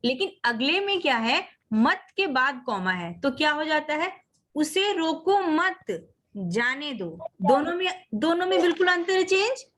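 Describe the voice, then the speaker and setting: Woman teacher leading a video-call class for young kids; high, patient voice, coaxing pupils by name. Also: animated, a bit bright, slight background noise. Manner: slow, drawn-out reading of example sentences; coaxing, addresses children as beta. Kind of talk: online class lesson.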